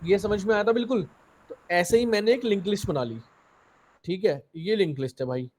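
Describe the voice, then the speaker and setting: Young male tutor, high-pitched, patient step-by-step explainer checking in with students. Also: fairly quick, darkish tone. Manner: explains step by step, keeps asking if students understood. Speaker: coding teacher. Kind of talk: live online coding class.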